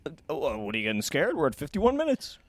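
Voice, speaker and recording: A man's voice: a little high, wildly swooping pitch, dry recording, studio quality. Chatty young man riffing with friends. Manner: riffing, quick jokey asides with laughs. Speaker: podcast co-host. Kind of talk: casual comedic banter.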